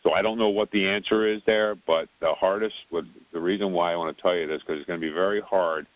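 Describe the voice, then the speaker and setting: A man's voice: deep voice, fairly even intonation, fast talker, no room sound. A man heard over the phone, leading a casual technical briefing and rambling with repeated words on a tinny phone line. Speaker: technical support lead on a conference call.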